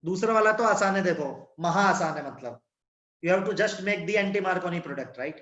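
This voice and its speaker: A man's voice: high-pitched, expressive, slow, fairly bright tone, muffled recording. A man teaching chemistry in an online class from his room, in a blunt, teasing manner. His voice echoes as if in a cave. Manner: blunt, teasing, scolds students. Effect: echoing voice, like in a cave. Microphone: no earphones, device mic.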